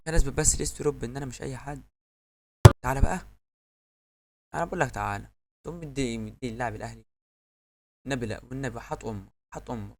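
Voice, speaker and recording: A man with an Egyptian accent giving excitable live commentary on his own football video game, yelling at the referee and his players. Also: on the high side, a little hiss or hum. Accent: Egyptian Arabic. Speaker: gamer.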